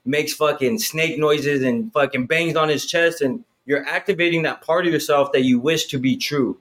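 A man's voice: a little high, normal speed, a bit bright. A man in his thirties talking in a casual chat, profane and hyped, filling his talk with "bro" and "right?". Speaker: podcast guest.

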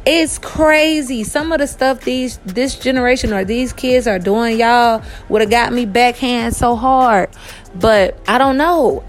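Chatty thirties woman podcast host. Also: medium pitch. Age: 30s. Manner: chatty, talks straight to listeners with "y'all". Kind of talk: casual monologue.

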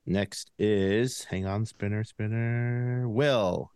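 A man's voice: on the low side, fairly even intonation, very slow, a little mellow, clear, resonant tone, no echo, studio quality. A man with a lisp hosting a casual podcast game, laughing often as he runs the draft.

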